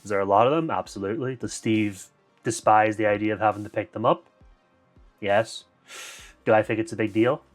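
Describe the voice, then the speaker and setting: A man's voice: fairly low pitch, steady tone, brisk, long pauses, soft background music. A man co-hosting a casual gaming podcast, playful and teasing. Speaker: podcast co-host.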